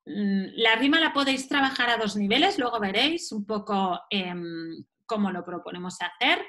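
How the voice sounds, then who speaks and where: A woman's voice: mid-range voice, pushed and bright. A woman from giving a recorded lecture, explaining step by step and answering her own questions. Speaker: teacher.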